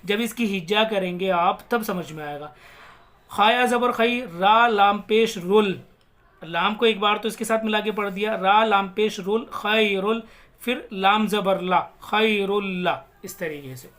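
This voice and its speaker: Letter by letter and vowel mark by vowel mark, a man spells out Quranic text, then recites the words in a slow, drawn-out way as he teaches reading. He has a high voice with a slightly bright quality.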